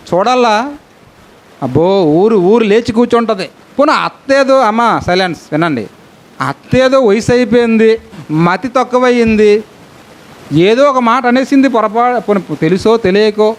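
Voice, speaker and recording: A middle-aged man teaching a Bible lesson as a sermon, lively and full of rhetorical questions. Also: very high voice. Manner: animated, asks many rhetorical questions.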